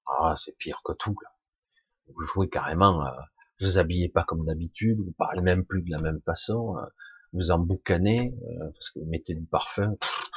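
Man with a very husky low voice. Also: dry recording, highs cut off. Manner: musing, casual, with swearing and filler sounds. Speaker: speaker addressing viewers on camera. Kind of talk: reflective personal monologue.

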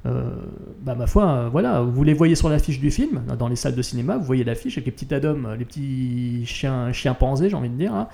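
A man's voice: mid-range voice, expressive, brisk, gravelly, hardly any pauses, dark tone. A man co-hosting a casual film review chat, speaking hesitantly with frequent restarts and mild humour. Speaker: film podcast co-host.

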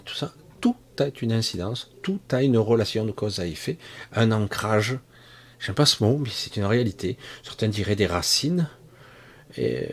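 A Frenchman with a medium-pitched, creaky, husky voice talks straight to his listeners about energy healing. It's a casual spoken monologue that rambles conversationally, full of asides and restarts.

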